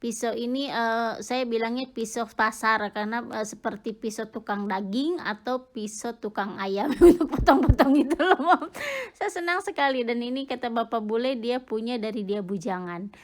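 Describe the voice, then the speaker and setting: A woman's voice: a little high, normal speed. A middle-aged woman from Indonesia chatting casually with lots of fillers and giggles while cooking in her home kitchen for her vlog. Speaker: cooking vlogger.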